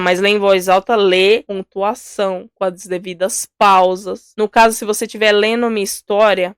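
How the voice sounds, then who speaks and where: A woman's voice: medium pitch, no room sound, clean studio sound. A woman with a Brazilian Portuguese accent giving a casual spoken lesson, explaining step by step and often checking whether the viewer understood. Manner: explanatory, repeats points, asks "entendeu?". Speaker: channel host giving academic tips.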